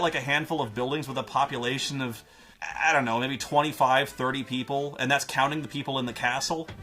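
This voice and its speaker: A man's voice: mid-range voice, bright, forceful tone. A man narrating a comedic game retrospective in a sarcastic, profane, incredulous rant. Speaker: game reviewer.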